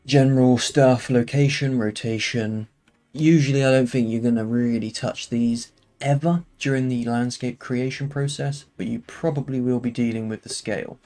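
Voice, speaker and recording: In a relaxed, unscripted screen-recorded tutorial, a man at his computer explains game engine settings. His voice is medium-pitched and a bit croaky.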